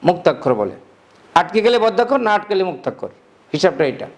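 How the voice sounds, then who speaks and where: A male teacher giving a grammar lesson, breaking phrases into single words, repeating them and quizzing the listener. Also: high-pitched.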